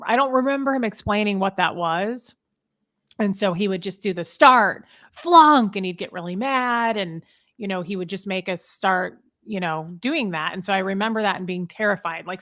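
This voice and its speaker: In a relaxed conversation, a woman podcast host from the American Midwest speaks openly and tells personal stories. Her voice is mid-range and a bit bright.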